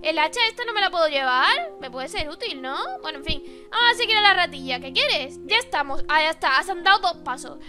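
A woman with a Spain Spanish accent doing let's-play commentary, animated, exclaiming and joking at what happens on screen. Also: high-pitched, brisk, hardly any pauses, music in the background. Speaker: gaming YouTuber.

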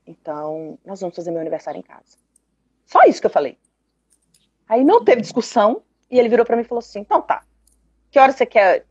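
A woman's voice: lowish voice, darkish tone, breathy edge, no room sound, highs cut off. A woman caller in a Q&A, talking at length about her family and quoting the conversations she had. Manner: talkative, recounts dialogue, laughs often. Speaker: caller asking for advice. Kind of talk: personal account in a live Q&A.

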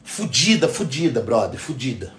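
A middle-aged bodybuilding competitor, ranting in casual, heavily profane talk and repeating himself for emphasis. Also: male voice, medium pitch, very animated, normal speed, slight background noise. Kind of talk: casual conversational rant. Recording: echoey room.

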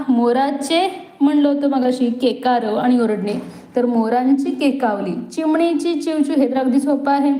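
A woman teaching a lesson, asking questions and answering them herself, reading word lists slowly. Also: high-pitched, warm tone, echoey room. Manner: reads word lists slowly, drawing out each word. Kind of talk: classroom lesson.

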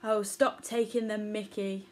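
Indignant giant millipede, huffy and touchy, loud storybook creature, voiced by a woman. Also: a little high, expressive, slow, full character voice.

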